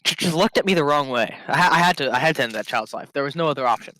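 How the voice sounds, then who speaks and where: Baron the kobold, put on by a man, a defensive creature who makes excuses in halting, broken grammar, with a bright, sharp edge and a lively, swooping delivery. His voice comes through dry and close, with no room around it. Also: fairly high pitch, dry recording, low-quality recording. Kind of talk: in-character role-play.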